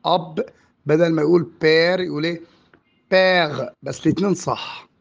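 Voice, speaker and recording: A man with an Egyptian Arabic accent teaches pronunciation, stretching and repeating example words. His voice is a little high and gravelly. The recording sounds dull and lo-fi. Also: steady tone, a little mellow. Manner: slow and drawn out on example words, repeating each one. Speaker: French teacher. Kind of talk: explaining French vowel pronunciation.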